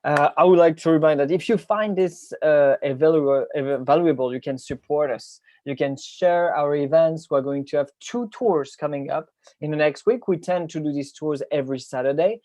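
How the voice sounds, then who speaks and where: A man hosts a live webinar, his voice a little higher than most men's and recorded dry and close. He speaks English, stopping and restarting phrases as he searches for words. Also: normal speed, a little mellow, dry recording. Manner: non-native English with hesitant restarts. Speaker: tour company host.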